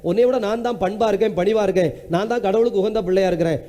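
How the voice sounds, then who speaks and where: A scheming younger twin , as a priest puts him on, haggles fast and persuasively for his brother's birthright. The voice is high and mellow, and the delivery is quick and bargaining. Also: natural voice.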